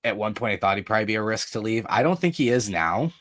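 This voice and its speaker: A man's voice: on the low side, lively intonation, fast talker, fairly bright tone, dry recording. A man hosting a casual sports podcast, chatty and self-deprecating, who also breaks into subscription plugs. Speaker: podcast host.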